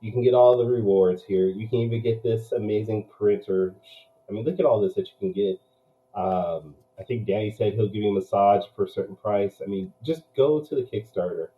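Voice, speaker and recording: A man with a somewhat low voice hosts a live podcast, switching between loose chat and a hype-man pitch. His voice arrives squeezed and tinny, as if over a phone line on a low-quality stream. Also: brisk. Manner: hype-man pleading, announcer-style intro. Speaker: podcast host.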